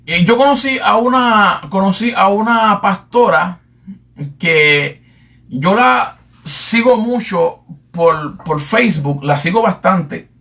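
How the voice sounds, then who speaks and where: High-pitched guy preaching a bible lesson, repeats himself a lot, kinda far from the mic. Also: lively intonation, slow pace, pushed and bright. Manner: repetitive, addresses listeners as "amado", many fillers. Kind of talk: sermon-style Bible teaching.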